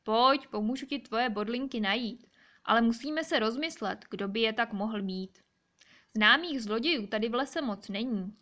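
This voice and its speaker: A woman's voice: a bit bright, close to an everyday voice. A woman voicing a wise old female owl in a children's story, speaking firmly and inquiringly. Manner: firm, questioning, lower storybook voice.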